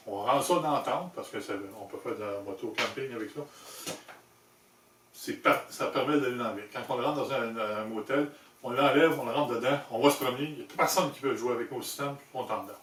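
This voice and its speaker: A man with a Québécois French accent giving an informal hands-on product demonstration, explaining in a halting way with self-corrections. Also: mid-range voice. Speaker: presenter demonstrating motorcycle gear he designed. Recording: echoey room, distant mic, handling noise.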